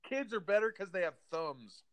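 A man's voice: high voice, very animated, moderate pace, dry recording. A man co-hosting a casual chat, mocking and incredulous as he needles his friend. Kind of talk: casual banter.

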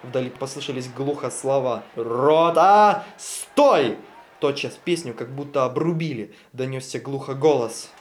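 Calm man reading a play aloud. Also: mid-range voice, normal speed, few pauses. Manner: calm even narration, joking asides. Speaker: podcast host.

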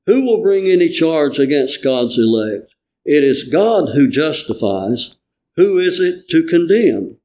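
A man reading scripture in church, formally, with measured and earnest phrasing. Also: a little high, sing-song, mellow, poor audio.

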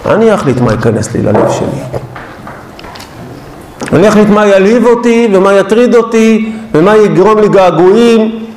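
A man delivers a fervent holiday sermon, firing off rhetorical questions. His voice sits high for a man. The room around him rings with a noticeable echo. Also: lively intonation, a little mellow, slight background noise. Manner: impassioned, full of rhetorical questions. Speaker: preacher. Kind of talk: Hanukkah sermon.

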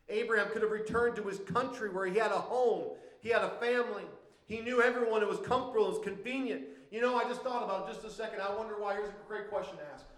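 A high-voiced male pastor with a Minnesotan accent preaches in a lively, conversational way, breaking into quick asides. His voice rings around a roomy, echoing church sanctuary. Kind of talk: sermon.

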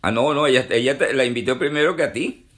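A man's voice: medium pitch, fast, a bit bright, slight background noise. A man hosting an interview, adding short replies and reading out viewer comments. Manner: brief affirmations, reads out viewer comments. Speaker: interview host. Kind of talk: conversational interview.

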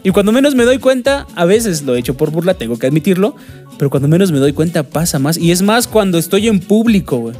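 Fast and sing-song, a high-pitched man with a slightly mellow tone chats casually as a podcast host, his Mexico City chilango accent clear. He swears a lot, uses plenty of slang and fillers, and is recorded on a studio microphone with soft music playing behind him.

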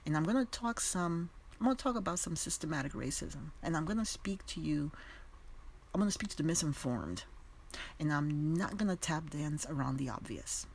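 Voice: medium pitch, animated, moderate pace, vocal fry, slight background noise, rough recording. A podcast host, speaking emphatically and conversationally in an opinionated monologue straight to listeners. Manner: emphatic, conversational, addresses listeners directly, casual swearing.

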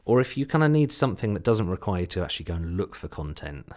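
Male podcast host, deep voice, light Suffolk accent. Chatty, informal explainer with self-deprecating asides. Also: very animated, fast talker, a little mellow. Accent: slight Suffolk English. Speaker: podcast host, content marketer. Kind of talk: casual instructional talk, solo podcast.

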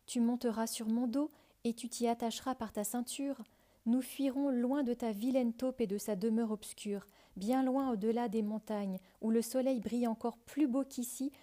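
Woman doing a tender storybook swallow, mellow and fairly high. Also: lightly acted. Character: gentle grateful female swallow, small bird.

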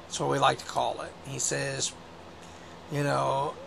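A man who is a bishop hosting a faith talk show in a relaxed, conversational way, his voice hoarse from a cold. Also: mid-range voice, unhurried, slight background noise. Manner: relaxed, conversational, with frequent fillers. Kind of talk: casual religious talk show.

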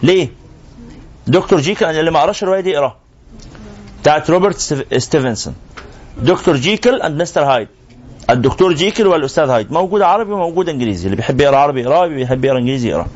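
The recording is muffled and lo-fi, made in a room where an Egyptian sheikh teaches a live religious class. His slightly high, darkish voice is expressive and racing, and he speaks Egyptian Arabic while firing off rhetorical questions.

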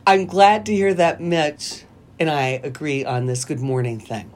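A woman's voice: lively intonation, unhurried, darkish tone. Wry grumbling woman co-host. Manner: wry, grumbling, mocks greetings in a high put-on voice. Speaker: radio co-host. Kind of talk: casual morning radio banter.

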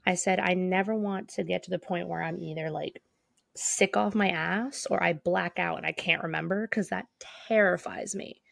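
Young woman, podcast co-host; gravelly creak, emphatic and earnest, dry sound. Casual chat. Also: fairly low pitch, fairly even intonation, normal speed, no room sound. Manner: laughs often, earnest and emphatic.

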